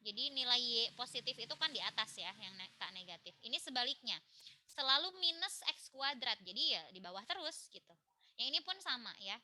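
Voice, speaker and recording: A woman's voice: fairly high pitch, expressive, a little fast, bright, forceful tone. A woman teaching an online math lecture from home, chatty and explaining step by step with frequent tag questions. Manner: chatty, tags lines with "gitu ya". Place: home in a village by a busy road. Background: motorbike traffic.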